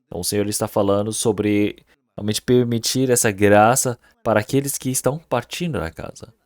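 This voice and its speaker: A man's voice: on the low side, steady tone, fairly quick, a little mellow, no echo, studio quality. A male pastor giving a Sunday sermon at a church service, earnest and emphatic, often putting rhetorical questions to the congregation. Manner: earnest, emphatic preaching with repeated words.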